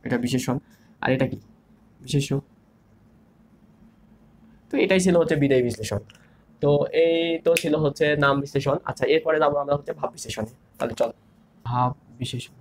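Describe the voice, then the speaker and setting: A man's voice: on the high side, normal speed, pauses often. A young man teaching an online grammar lesson, repeating key terms and asking and answering his own questions. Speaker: grammar instructor.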